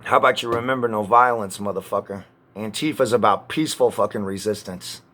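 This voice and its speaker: A man ranting to camera in an agitated, profane way, often halting and restarting. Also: on the low side, fairly bright tone. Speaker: vlogger.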